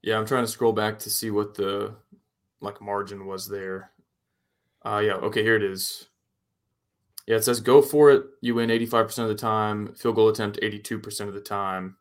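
A male co-host analyzes football in casual conversation. His voice is on the low side and his delivery is blunt and opinionated. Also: fairly even intonation, normal speed. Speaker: sports show co-host.

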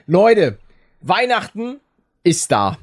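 High-voiced jokey young man chatting. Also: wildly swooping pitch. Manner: rambling, jokey, quick to laugh. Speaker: podcast co-host. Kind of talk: casual comedy podcast chat.

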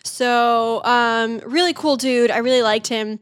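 A woman's voice: on the high side, steady tone, a little slow, clean tone, no echo. A woman in her late twenties telling dating stories in a casual chat, full of "like" fillers. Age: late 20s. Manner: chatty storytelling with constant "like" fillers. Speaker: podcast co-host.

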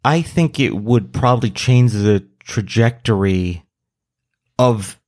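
A man's voice: on the low side, takes it slowly, a little mellow. A man co-hosting a podcast who talks casually, thinks aloud hesitantly, and is self-deprecating. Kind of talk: casual conversation.

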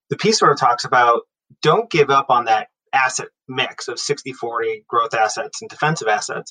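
A man's voice: mid-range voice, sharp tone, low-quality recording. A man answering as an expert interview guest, explaining in an analytical, conversational way. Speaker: investment research head, interview guest.

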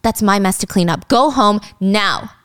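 A woman's voice: medium pitch, unhurried, smooth, close to an everyday voice. A woman voicing an arrogant, domineering lawyer husband who barks curt orders, in a drama recap. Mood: commanding.

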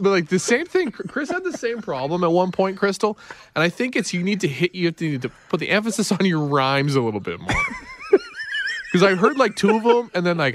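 A man co-hosting a casual podcast, animated and coaching, breaking into a sung rap. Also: high-pitched, background noise. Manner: animated, coaching, laughs often. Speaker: podcast co-host. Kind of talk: casual podcast chat with freestyle rapping.

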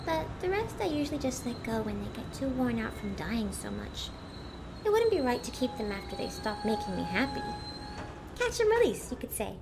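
A woman's voice: on the high side, sing-song, moderate pace, background noise. A woman voicing an inhuman entity in the form of a little girl, speaking in an innocent, cheerful tone in a horror audio drama. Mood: sweetly cruel.

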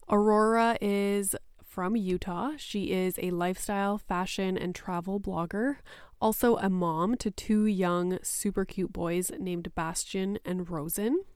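A woman podcast host talks in an informal, chatty flow, her voice slightly congested and froggy from a lingering head cold. It still comes across clear and smooth, at a medium pitch. The recording is dry and close, with little sense of room. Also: darkish tone, dry recording. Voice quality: slightly congested, stuffy-nosed sound from a cold. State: sinuses a bit plugged after a cold. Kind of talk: casual podcast monologue.

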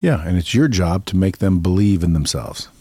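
A man with a low, dark, slightly rough voice talks casually and animatedly at a moderate pace as a podcast guest and entrepreneur, in a dry recording. He is blunt and self-assured, phrasing things like a salesman and swearing mildly.

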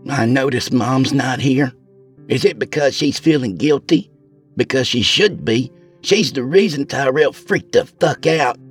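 A man's voice: medium pitch, measured pace, husky, soft background music, pitched above the performer's own voice. A man doing a griping jailed young woman. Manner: complaining, wheedling. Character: blunt jailed young woman, food-obsessed.

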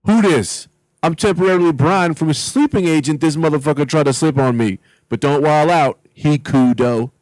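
A man's voice: fairly high pitch, moderate pace, darkish tone, dry recording, pitched above the performer's own voice, lightly acted, poor audio. A man playing a cocky robot detective in a comedy script, talking in showy street slang.

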